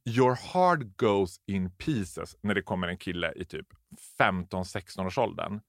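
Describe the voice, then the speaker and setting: A man, a former drag queen working in cosmetics retail, chatting in an interview as an animated storyteller who mixes in English phrases. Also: no room sound, studio quality. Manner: animated storyteller, mimics customers in high voices, laughs often. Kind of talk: casual interview chat.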